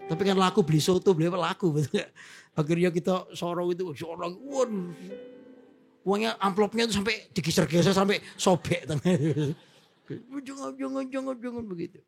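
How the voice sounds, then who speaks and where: Pastor preaching over music. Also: male voice, sits high, fairly quick. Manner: storytelling, exhorting with call-and-response. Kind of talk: sermon.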